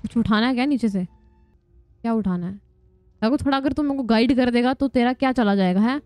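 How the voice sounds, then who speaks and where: A woman's voice: on the high side, fairly quick, a little mellow, no room sound, soft background music. A young woman giving casual, joking gameplay commentary, chatty and prone to squealing laughs when scared. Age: young adult. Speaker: gaming vlogger.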